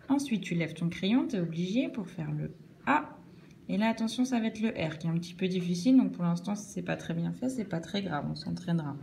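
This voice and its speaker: A woman's voice: mid-range voice, gravelly, darkish tone, slight background noise. Patient woman teaching children handwriting. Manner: slow, patient step-by-step explaining.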